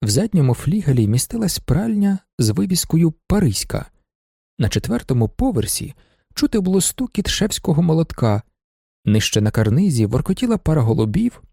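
Gravelly, lively male audiobook narrator. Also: on the high side, no room sound, clean studio sound. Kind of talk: scripted narration.

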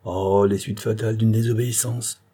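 Man doing a jolly mischievous gentleman, mock-dramatic, warm dark tone. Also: on the low side, little pitch movement, moderate pace, lightly acted. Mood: mock horror. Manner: laughing mock-dramatic exclamations.

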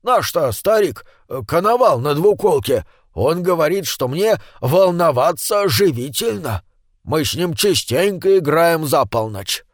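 A man's voice: on the high side, very animated, a little slow, no echo, clean studio sound, pitched above the performer's own voice. A man voicing a sly, teasing old uncle who drawls his remarks. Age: older.

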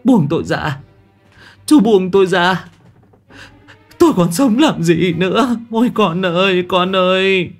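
A man's voice: animated, unhurried, long pauses, faint music behind, exaggerated voice. A man voicing a wailing, grief-stricken mother. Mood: hysterical grief. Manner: shrill wailing cries. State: sobbing, distraught. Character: older village woman wailing for her dead daughter.

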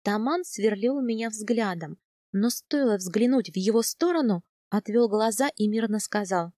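A woman narrating a first-person novel as an audiobook, expressive and animated in the heroine's lines. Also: medium pitch, moderate pace, no echo, clean studio sound.

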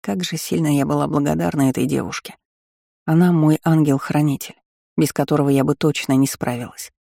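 A man narrating an audiobook in a calm, even reading voice. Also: a little high, fairly quick, vocal fry, no room sound, clean studio sound. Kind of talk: scripted narration.

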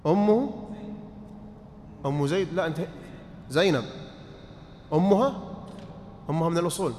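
A man's voice: fairly high pitch, lively intonation, normal speed, a little mellow. A man teaching a mosque lesson on inheritance law, quizzing his students, repeating points and checking that they follow. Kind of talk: mosque study-circle lesson. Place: large mosque hall. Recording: reverberant mosque hall, faint noise.

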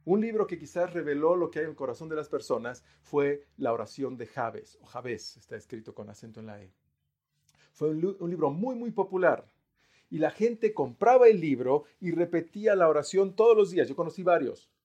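A man preaching a sermon as pastor, earnest, often restarting phrases, his voice rising and then dropping quiet. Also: animated, dull audio. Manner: earnest, pauses and restarts, voice swells then sinks low.

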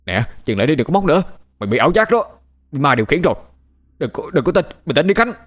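A man voicing a blunt, rough middle-aged man who talks urgently and stammers when scared. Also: lowish voice, lively intonation, fast talker, natural voice.

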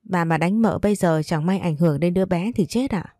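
A timid young maid begs for mercy, as a woman narrator puts her on. She is humble and deferential, and the voice is low and warm. The recording is dry. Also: fairly quick, no echo, lightly acted. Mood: pleading. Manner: pleading, deferential.

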